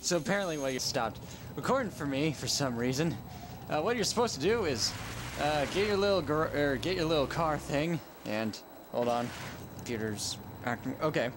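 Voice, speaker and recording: A man's voice: fairly high pitch, expressive, normal speed. A young man giving casual commentary on a game he is playing, rambling and often correcting himself mid-sentence. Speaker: let's play gamer. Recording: home recording with noise.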